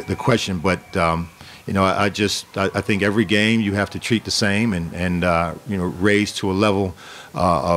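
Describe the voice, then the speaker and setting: A middle-aged man, a head basketball coach, answering questions at a post-game press conference in a measured way, often repeating words as he restarts, speaking into a desk microphone. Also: fairly low pitch, slight background noise. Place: press room in front of a sponsor backdrop. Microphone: desk microphone on a stand.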